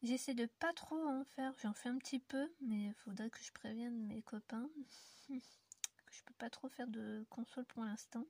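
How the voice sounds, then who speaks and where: Unhurried and a little mellow, her voice slightly high, a French YouTuber chats with viewers while colouring indoors in the mountains. The talk is casual and rambling, packed with fillers, and she often drops to a near-whisper.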